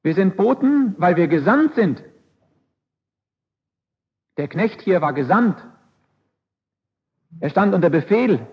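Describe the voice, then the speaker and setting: Male preacher giving a sermon, emphatic and fairly high-pitched, muffled lo-fi sound. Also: big pitch swings, slow, long pauses, breathy edge. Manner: emphatic, with rhetorical questions and repeated phrases. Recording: dull lo-fi recording.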